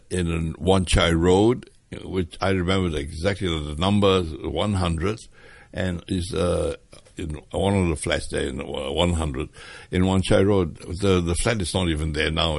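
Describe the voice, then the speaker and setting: A man's voice: low voice, fairly even intonation, a little slow, creaky, no room sound. An older man from Hong Kong, reminiscing hesitantly with many fillers in an interview. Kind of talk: oral history interview.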